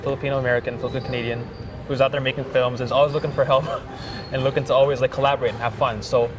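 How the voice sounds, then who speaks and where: A man's voice: medium pitch, little pitch movement, very fast. A young man, a filmmaker guest, talking in a casual interview with lots of "like" fillers. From Thailand. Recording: music playing behind.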